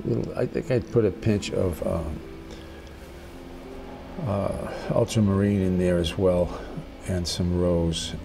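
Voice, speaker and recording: An older man giving a casual watercolor tutorial as a gentle, encouraging, unhurried painting instructor. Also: sits low, fairly even intonation, gravelly, noisy background.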